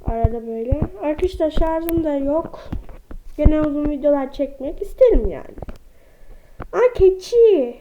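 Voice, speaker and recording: High-voiced woman chatting through gameplay. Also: expressive, normal speed. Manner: chatty, talks to viewers as friends, exclaims at animals. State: slightly under the weather. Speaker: gaming vlogger. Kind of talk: casual gameplay commentary. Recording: dull lo-fi recording with faint noise.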